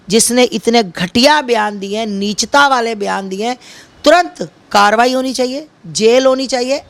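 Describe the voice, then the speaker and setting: A woman speaks with fiery conviction, hammering her points home with repeated, chant-like phrases. Her voice has a gravelly, rough edge and sits at a middling pitch for a woman. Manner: fiery, emphatic, repetitive slogans. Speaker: interviewee. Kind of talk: impassioned street interview.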